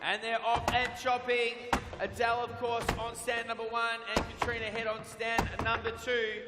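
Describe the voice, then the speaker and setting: A man's voice: very high voice, monotone, normal speed, over music. An Australian man working as an upbeat event MC and commentator, hyping up the crowd at a live sports event. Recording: echoey PA in large event venue.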